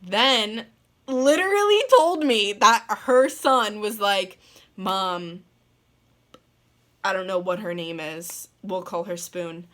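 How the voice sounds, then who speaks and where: A young woman from the northeastern US rambling through a story in a casual vlog, full of "like" and quick laughs. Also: medium pitch, a bit bright. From northeastern United States. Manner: rambling, lots of "like", laughs mid-sentence. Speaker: vlogger.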